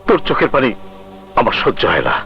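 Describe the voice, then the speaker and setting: An actor playing a gang leader who speaks low and softly to comfort his grieving follower. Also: wildly swooping pitch, fast talker. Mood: soothing. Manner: low, soft, soothing. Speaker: film actor. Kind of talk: melodramatic film acting. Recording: dull lo-fi film audio with faint music.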